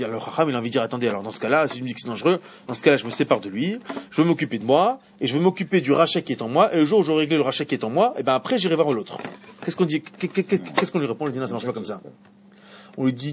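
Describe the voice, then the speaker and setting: A man teaching an evening Torah class to a small group, animated, with bursts of emphatic preaching. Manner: animated, rises to emphatic high preaching at key points, interacts with listeners. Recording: dull lo-fi recording with faint background noise.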